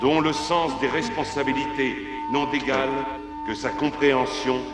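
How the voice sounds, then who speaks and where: A man's voice: medium pitch, steady tone, measured pace, echoey room, big-room sound, over loud music, close to an everyday voice. A man playing a pompous dignitary who delivers a grandiloquent ceremonial speech in a dubbed film. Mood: solemn flattery. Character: pompous male dignitary giving a flattering introduction.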